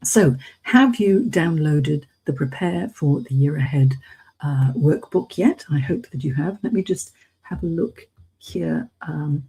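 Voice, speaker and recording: This British-accented woman, middle-aged and living in Hong Kong as an expatriate, runs an informal live coaching stream and addresses her listeners with direct encouragement. Her low, warm, husky voice moves a little slowly but with lively intonation, and the audio is poor.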